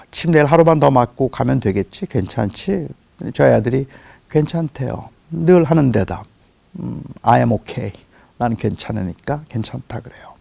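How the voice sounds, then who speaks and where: A middle-aged man preaching a sermon, telling a personal story in a soft, hushed voice that rises to impassioned pleading. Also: mid-range voice, gravelly, no echo. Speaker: pastor.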